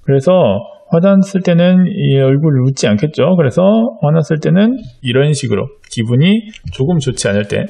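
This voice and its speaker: A man's voice: fairly high pitch, animated, moderate pace, gravelly, hardly any pauses, warm tone. A middle-aged man teaching a drawing lesson to young children, explaining patiently step by step with frequent fillers. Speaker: art teacher.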